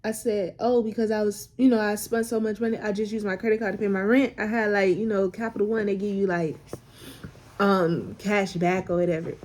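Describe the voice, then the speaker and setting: A woman's medium-pitched, darkish voice comes brisk and flat as she shares a personal faith story for her vlog. Even so, she speaks casually and emotionally, nearly in tears, repeating phrases for emphasis.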